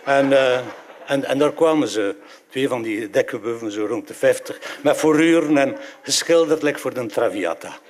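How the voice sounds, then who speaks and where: A man's voice: medium pitch, expressive, moderate pace. A man with a Flemish accent telling a funny anecdote, chuckling and acting out the voices in his story.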